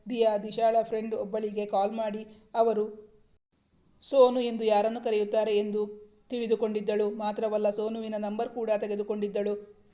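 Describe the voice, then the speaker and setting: A woman narrating a romantic novel as an audiobook, calm and steady. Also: medium pitch, moderate pace. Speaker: storyteller.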